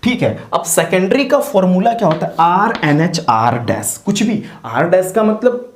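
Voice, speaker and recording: A man's voice: sits high, animated, a little slow, slight background noise. A man teaching chemistry in a chatty, playful way, asking his students questions and answering for them in their voice. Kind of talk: chatty classroom explanation. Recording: roomy echo.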